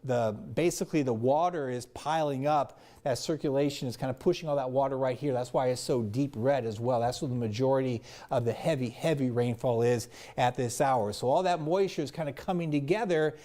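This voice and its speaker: A man's voice: mid-range voice, brisk, few pauses, dark tone. A man presenting live weather commentary, explaining things step by step in an unscripted way.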